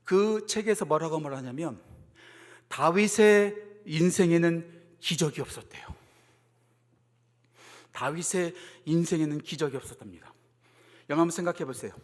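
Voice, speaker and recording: A male pastor preaching at a Friday prayer meeting. He shifts from soft, low talk to loud, impassioned exhortation. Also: normal speed, pauses often. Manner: acts out mocking voices in storytelling. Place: church sanctuary. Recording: reverberant church hall.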